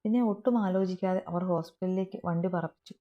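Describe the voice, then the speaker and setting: A woman narrating a romantic family story in a steady, emotive reading. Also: fairly low pitch, fast talker, muffled recording. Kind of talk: scripted narration.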